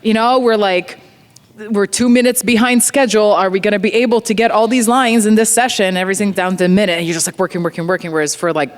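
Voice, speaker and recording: A woman's voice: medium pitch, steady tone, fast. A woman from Slovenia, a voice actor chatting animatedly on a convention panel and laughing often. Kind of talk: casual panel Q&A. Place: large convention hall. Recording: long hall reverb from a panel PA.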